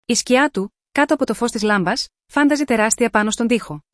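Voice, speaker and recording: A woman's voice: fairly high pitch, dry recording, clean studio sound. Woman narrating a sensual romance story. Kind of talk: scripted first-person romance narration.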